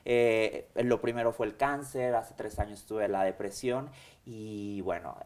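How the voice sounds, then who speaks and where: A Mexican man in his thirties, seated as an interview guest in a small studio, telling his story in a lively, animated way. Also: fairly low pitch, unhurried. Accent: Mexican Spanish. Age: 30s. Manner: animated and expressive, gestures with hands, many fillers. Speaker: interview guest, hair extension stylist. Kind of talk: casual conversational storytelling. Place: small indoor studio set, seated in armchair.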